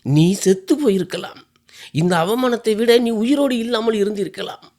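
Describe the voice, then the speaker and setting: A man's voice: a little high, very animated, measured pace, gravelly, a little mellow, husky, full character voice. A man reading as a trembling, despairing mother. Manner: trembling, raised voice. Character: despairing older mother scolding her daughter.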